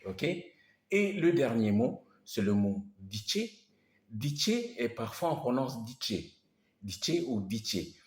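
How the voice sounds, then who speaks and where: A man's voice: mid-range voice, sing-song, a little slow, darkish tone. A man giving a vocabulary lesson, patiently repeating each word several times. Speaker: language teacher. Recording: roomy echo.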